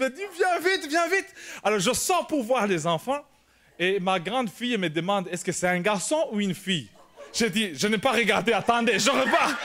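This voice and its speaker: Animated, high-voiced storytelling pastor. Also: male voice. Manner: animated storytelling, laughing and shouting at dramatic moments. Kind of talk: sermon with personal story. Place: church prayer meeting.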